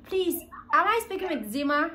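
A Ghanaian-accented vlogger in her twenties makes a delivery-service prank call from a small living room, holding the phone mic at arm's length. Her extremely high, sharp-toned voice swings widely in pitch at a moderate pace. She stays polite but insistent, like a customer-service rep.

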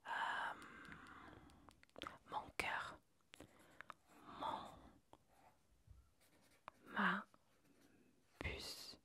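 In this whispered ASMR lesson, a woman teaching French keeps her voice to a gentle whisper. She moves patiently and slowly, breaking words down letter by letter.

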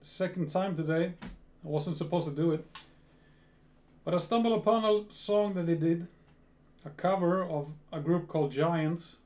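Recorded in a small, gear-filled room at home, a Swedish man in his thirties chats casually in a reaction video, his Swedish accent clear. His pitch sits on the high side with a darkish tone. He goes slowly, repeats words often and keeps restarting.

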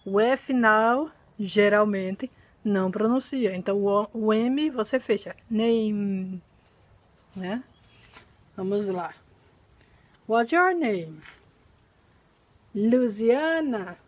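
A woman from Brazil teaching an English lesson outdoors, patiently repeating words slowly to drill pronunciation. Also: medium pitch, no echo, poor audio. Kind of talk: recorded language lesson.

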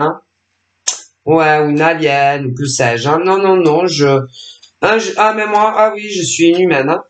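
A woman hosting a tarot channel, talking to her subscribers in a rambling, sarcastic monologue full of fillers and interrupted by coughs from her allergies. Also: low-pitched. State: coughing, throat irritation from allergies. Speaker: tarot and oracle channel host. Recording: echoey room.

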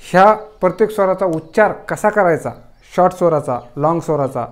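A man's voice: on the high side, a little mellow. A man with a Marathi accent teaching English reading at a whiteboard, drilling each vowel sound over and over and addressing viewers as friends. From Maharashtra, India. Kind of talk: whiteboard lesson.

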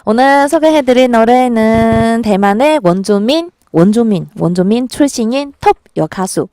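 A woman's voice: fairly high pitch, animated, a little slow, warm tone, no room sound, studio quality. A woman hosting a small local radio show, chatting casually with listeners and laughing often between lines. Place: small radio studio at a market.

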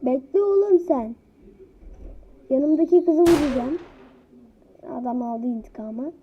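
High-voiced woman gaming commentator. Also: a little slow, slight background noise. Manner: excitable, teasing, laughs often. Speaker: gaming YouTuber. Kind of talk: casual let's-play commentary. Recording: dull lo-fi home recording.

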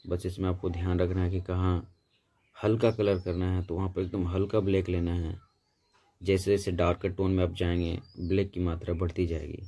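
A man's voice: low voice, level tone, normal speed, dark tone. A man giving a painting tutorial in a voice-over, explaining each step patiently and steadily. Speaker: painting instructor.

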